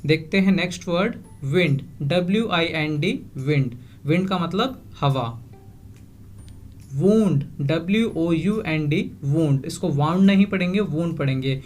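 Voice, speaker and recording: Slow, careful male language teacher. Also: on the high side, expressive, a little mellow, faint music behind. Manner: spells each word letter by letter, then gives its meaning. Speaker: English teacher. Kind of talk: vocabulary lesson, spelling words aloud.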